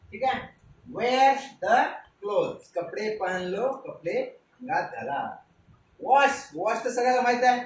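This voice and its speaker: A man's voice: sits high, animated, takes it slowly. A man from Maharashtra teaching young pupils, taking his time as he spells out words letter by letter. He keeps prompting the class to repeat each one. His voice comes from across a very echoey room with a faint hum behind it. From Maharashtra, India. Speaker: primary school teacher. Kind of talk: spoken English vocabulary lesson for children. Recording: very echoey room, voice from far off the mic.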